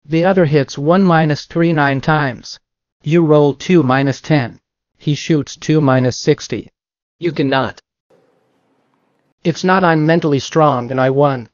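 A man's voice: a little high, a little slow, dry recording, dull audio. An older man teaching a bowling class in a classroom, talking emphatically and answering his own questions. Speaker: bowling coach. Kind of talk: classroom lecture. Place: classroom with a projector screen.

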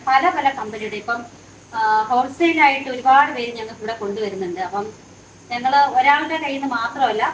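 A woman running a farm vlog who coos fondly to a cow and then explains things to her viewers, recorded in a cow shed. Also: fairly high pitch. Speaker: dairy farm vlogger. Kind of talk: casual farm vlog chat. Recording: echoey, mic far off, noisy farm.

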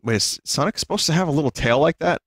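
A man's voice: a little high, expressive, fast, a bit bright. A man doing casual, joking commentary on games as a streamer, amused and sweary. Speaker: game streamer. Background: game music.

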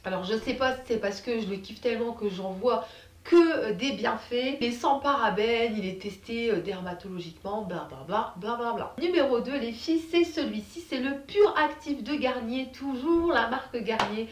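Bubbly high-voiced French woman vlogger. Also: lively intonation, normal speed, roomy sound, far from the mic. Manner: chatty and bubbly, with fillers and giggles. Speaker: beauty vlogger. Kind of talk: casual chat to camera.

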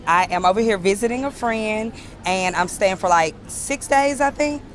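A woman, speaking at a middle pitch. She chats in a relaxed way about her trip in a casual street interview, telling little stories as she goes. She is recorded outdoors on a city street at night. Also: moderate pace, a little hiss or hum. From Mississippi, USA. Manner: chatty, relaxed storytelling. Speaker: tourist.

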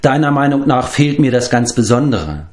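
A man's voice: medium pitch, sing-song, normal speed, darkish tone, close to an everyday voice. A man reading aloud and voicing a touchy young pig-keeper who grumbles and teases. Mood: grumbling. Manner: grumbling, sulky. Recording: roomy echo.

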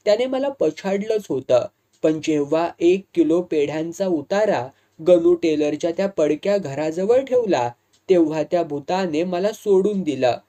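A man's voice: fairly high pitch, mellow. A man doing an earnest superstitious villager. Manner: earnest, warning.

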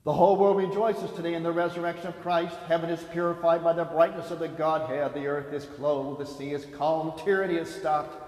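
Solemn priest at a pulpit microphone. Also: male voice, fairly high pitch, steady tone, a little mellow. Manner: solemn, measured intoning. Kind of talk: liturgical prayer recitation. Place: large church. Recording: echoey church hall, long reverb.

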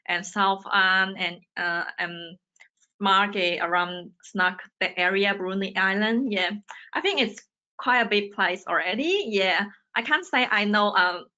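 A woman's voice: mid-range voice, unhurried, pushed and bright, muffled recording. A young woman student from China speaking on a video call, hesitant with many fillers. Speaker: student panelist.

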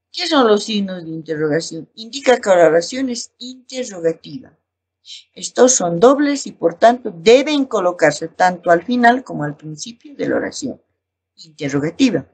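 A woman teacher with a Bolivian Spanish accent, explaining a lesson slowly and reading examples aloud. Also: medium pitch, breathy edge. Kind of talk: recorded class lesson.

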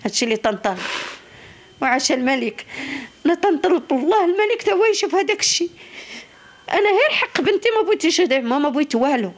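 Older woman, Moroccan accent, tearful and pleading, extremely high voice, repeats her phrases. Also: sing-song, fast, pauses often. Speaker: bereaved mother interviewed. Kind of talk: emotional plea to camera. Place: small living room indoors. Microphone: handheld reporter's microphone.

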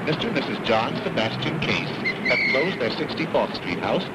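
An actor playing a wry, mock-pompous gentleman in early talkie film style, on a noisy vintage soundtrack. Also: medium pitch, big pitch swings, moderate pace, natural voice. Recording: old film soundtrack with clear noise.

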